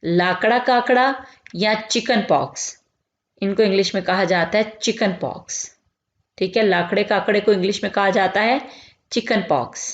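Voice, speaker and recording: Woman drilling vocabulary in a roomy echo. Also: medium pitch. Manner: repeats each term slowly and clearly. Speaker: teacher. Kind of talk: vocabulary lesson. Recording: echoey, dull lo-fi room recording.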